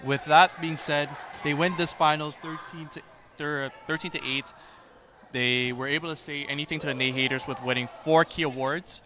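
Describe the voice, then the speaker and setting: A man's voice: a little high, steady tone, moderate pace, noisy background. A man hosting live sports commentary from the booth, throwing questions to his co-commentator. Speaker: sports play-by-play host in the booth.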